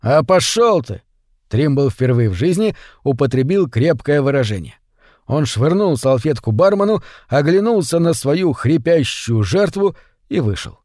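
A man narrating a story in an expressive, scripted way. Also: a little high, moderate pace, no room sound, studio quality.

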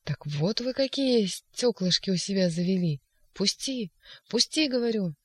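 A reader voicing an agitated young male poet in an audiobook, shouting insistent outbursts. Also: mid-range voice, expressive, normal speed, slightly rough, no echo, clean studio sound. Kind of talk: audiobook character voice.

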